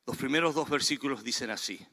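A man's voice: mid-range voice, fast talker, sharp tone. A man preaching a sermon as pastor, earnest and emphatic, his delivery swelling and falling back. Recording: long reverb of a large hall.

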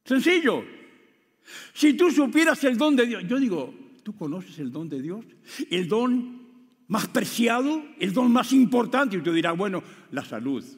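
A high-pitched male preacher with a very lively, animated delivery. He swings from ringing exclamations down to quiet asides, and a long reverb trails behind his voice. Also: unhurried. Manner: dramatic swings between loud exclamations and hushed asides. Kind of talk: sermon.

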